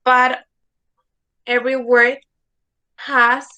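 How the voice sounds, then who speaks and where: A woman's voice: high voice, level tone, very slow, sharp tone, poor audio. A woman teaching an English lesson in an online class, patient and repetitive, checking in with "okay?" again and again. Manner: patient, repeats words and asks "okay?" often.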